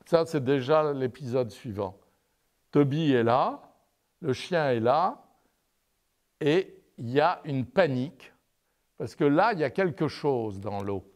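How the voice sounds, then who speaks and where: A male lecturer giving a university lecture over slides. He tells a story in a halting way and keeps adding "n'est-ce pas?". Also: mid-range voice, expressive. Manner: hesitant, with many "euh" and restarts. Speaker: lecturer in artistic anatomy. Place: lecture room, commenting on projected slides.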